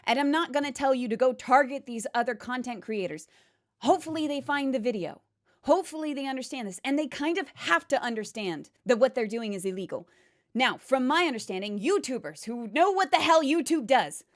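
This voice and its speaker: A woman's voice: high voice, lively intonation, fairly quick. A woman video commentator giving an opinion to viewers in an emphatic, explanatory manner.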